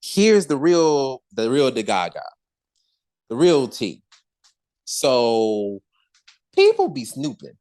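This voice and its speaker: A woman's voice: extremely low pitch, slow, pauses often. A woman hosting a podcast, talking in a casual, gossipy way with lots of slang and frequent laughter. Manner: animated, slangy, laughs often. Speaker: podcast host.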